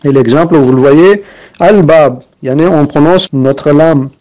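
A man's voice: a little high, normal speed, mellow, poor audio. A man giving a spoken lesson, explaining patiently with frequent fillers and restarts, and repeating examples several times. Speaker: Arabic reading teacher.

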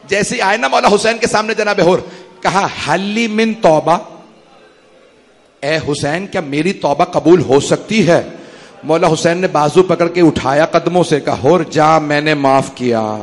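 A man preaching at a mourning gathering, telling a lament story in a fervent, declamatory sermon. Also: on the high side. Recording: long hall reverb.

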